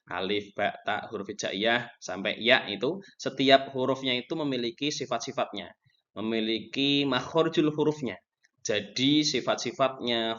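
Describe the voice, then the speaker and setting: A man's voice: mid-range voice, a bit bright. A man teaching a Quran recitation lesson, explaining patiently and repeating himself with frequent checks. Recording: dull lo-fi recording.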